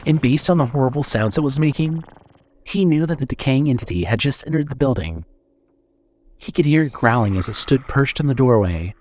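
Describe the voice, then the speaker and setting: A man narrating a horror story in a steady, suspenseful reading style. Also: medium pitch, a little hiss or hum.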